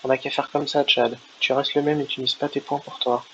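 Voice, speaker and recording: A man's voice: mid-range voice, flat delivery, fast, fairly bright tone, natural voice. A man reading a loyal, solemn big friend. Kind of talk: reading game dialogue aloud. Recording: lo-fi with faint hiss.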